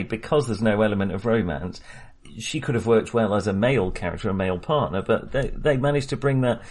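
In a casual film chat on a podcast he co-hosts, a man speaks with a voice on the low side, darkish and slightly rough. He wanders as he talks, often restarting and laughing.

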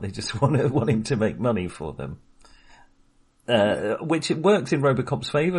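A man with a fairly low pitch and a darkish tone co-hosts a podcast, rambling through a casual film discussion. He keeps restarting his thoughts and laughing as he goes.

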